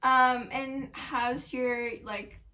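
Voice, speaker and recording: A woman's voice: sits high, fairly even intonation, bright, forceful tone, distant mic, slight background noise, rough recording. A young woman asking her younger sibling interview questions in a casual way, with many fillers like "um" and "like". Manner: slow, filler-heavy with "like".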